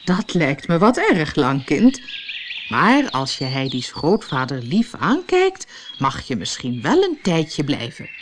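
A gentle old grandmother who talks in a calm, motherly way, as a woman reads her out. The storybook delivery is slow and unhurried, with a lively lilt. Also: low voice, a little hiss or hum, pitched below the performer's own voice, full character voice. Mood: amused. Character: kind elderly grandmother, gentle and warm.

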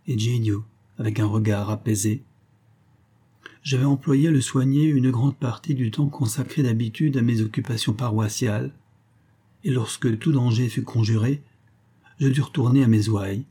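A man reading a literary story aloud as an audiobook narrator, in a measured, even storytelling manner. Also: lowish voice, husky.

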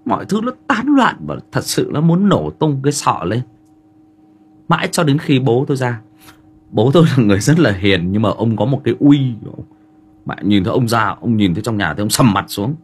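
A man's voice: mid-range voice, big pitch swings, normal speed, slightly rough. A man with a Northern Vietnamese accent, hosting a livestream and telling a family story in a casual, rambling way full of filler words. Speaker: livestream host.

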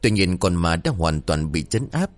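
Deep-voiced man telling a spooky tale. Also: very animated, moderate pace, no room sound, soft background music. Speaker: storyteller. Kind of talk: scripted horror-comedy narration.

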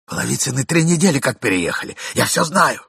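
A man's voice: medium pitch, big pitch swings, fast, gravelly, bright, forceful tone, slightly rough, dry recording, studio quality, pitched above the performer's own voice, full character voice. A man voicing a cocky young man in a storybook reading, taunting and insulting his rival. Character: cocky, mocking young man in a fur coat.

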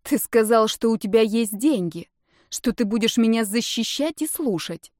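A woman reading a story, voicing a jealous, stubborn young woman in love with a raised, louder voice. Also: fairly high pitch, animated, normal speed, no room sound, clean studio sound, natural voice. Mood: indignant. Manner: teasing and stubborn.

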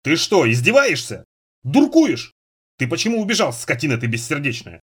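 A man reading an audiobook voices a young woman who scolds loudly, weeps and shouts in emotional outbursts. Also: wildly swooping pitch, moderate pace, husky, exaggerated voice. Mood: scolding, tearful. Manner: high-pitched, loud, emotional outbursts. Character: young woman, fiery, tearful, quick to scold.

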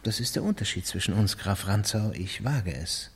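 A scheming court official in a radio play, cold and disdainful. His voice is very deep and husky, and a quiet menace sits under every line. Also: lively intonation, moderate pace, exaggerated voice. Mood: menacing. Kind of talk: radio drama acting.

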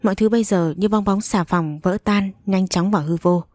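A woman reading a first-person love story aloud in a slow, measured way. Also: medium pitch, darkish tone, no echo, clean studio sound. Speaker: narrator.

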